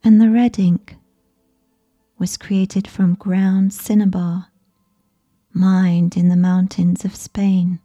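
A woman narrating a bedtime sleep story in a soft, soothing, whispery ASMR voice, breathy and right in the listener's ear. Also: fairly low pitch, level tone. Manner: slow, soothing, gentle.

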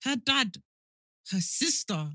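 Bright, emphatic British woman chatting. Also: a little high, slow pace, dry recording, clean studio sound. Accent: British, London. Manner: animated, emphatic, repeats words for emphasis. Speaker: podcast co-host. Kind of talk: casual opinionated chat.

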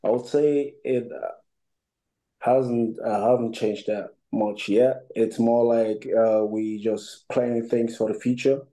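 A man's voice: medium pitch, steady tone, slow, warm tone, poor audio. A young man from Cameroon, an amateur boxer, answering interview questions with many fillers and restarts.

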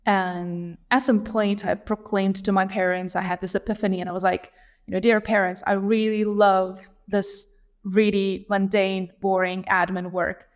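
A woman's voice: medium pitch, level tone, moderate pace. A woman in her thirties from Lithuania, a guest on an interview show, talking thoughtfully about her path into her work. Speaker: guest, operations leader. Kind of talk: casual interview.

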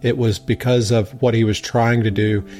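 A man speaking unscripted as a podcast interviewee, halting and repeating words for emphasis. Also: mid-range voice, steady tone, a little mellow, soft background music.

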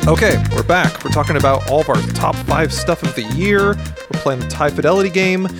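A man's voice: a little high, a little fast. A man hosting a music podcast in casual, enthusiastic chat, often rephrasing himself.

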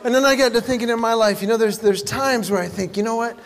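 High-voiced male stand-up comedian. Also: fast talker, creaky, a crowd in the background. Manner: animated storytelling with sudden shouts. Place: live stage venue. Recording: live hall reverb with audience noise.

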